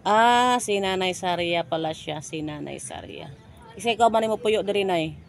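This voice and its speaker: A woman's voice: on the low side, lively intonation, normal speed, creaky, slight background noise. Brief: out-of-breath woman vlogger with a Cebuano accent, chatty, recorded outdoors on a phone. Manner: breathless, chatty, laughing often. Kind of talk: casual vlog, walking and chatting. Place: outdoors, hillside village.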